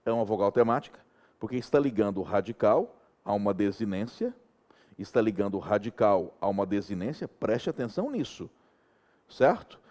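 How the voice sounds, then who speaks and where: Animated Brazilian man teaching grammar. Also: lowish voice, a little fast. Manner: animated, checks in with students often. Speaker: Portuguese teacher. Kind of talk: grammar lesson.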